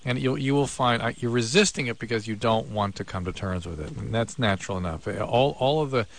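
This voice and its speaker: A man co-hosting a radio call-in show, calmly giving callers advice. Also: mid-range voice, a little fast, creaky. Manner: calm, advising. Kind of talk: casual radio talk.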